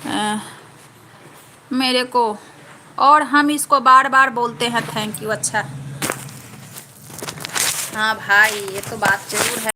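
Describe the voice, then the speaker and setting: A woman's voice: on the high side, fairly even intonation, takes it slowly, long pauses, noisy background. A woman hosting a casual live stream from home on a phone camera, chatting and thanking viewers one by one.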